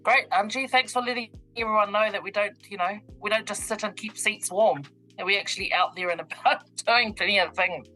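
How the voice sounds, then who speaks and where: A woman's voice: mid-range voice, brisk, bright, forceful tone, soft background music, low-quality recording. A woman hosting a casual live discussion. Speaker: host.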